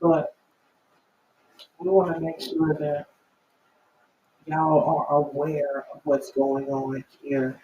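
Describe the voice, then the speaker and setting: A middle-aged or older woman, hosting a live stream in an earnest, halting, emphatic way. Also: sits low, level tone, dull audio. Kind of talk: informal spoken commentary to viewers. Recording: roomy, distant mic, faint noise.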